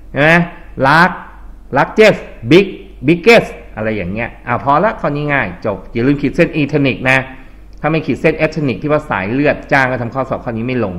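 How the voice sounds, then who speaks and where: A man's voice: medium pitch, lively intonation, moderate pace, fairly bright tone. A male English tutor teaching a classroom grammar lesson, quizzing students and mixing English terms into his explanations. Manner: quizzes students with frequent questions. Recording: dull lo-fi classroom recording.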